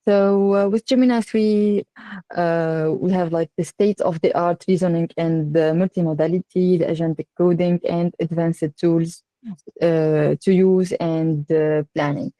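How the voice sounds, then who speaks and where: A woman with a North African, Tunisian accent presents an online workshop in a halting way with frequent filled pauses. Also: fairly low pitch, steady tone, warm tone, dry recording, low-quality recording. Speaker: workshop speaker, AI engineer. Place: online video call.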